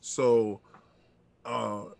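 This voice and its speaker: A man on a podcast panel, raising questions about games in a halting way with many fillers. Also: mid-range voice, little pitch movement, gravelly, darkish tone, a little hiss or hum. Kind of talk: casual game discussion.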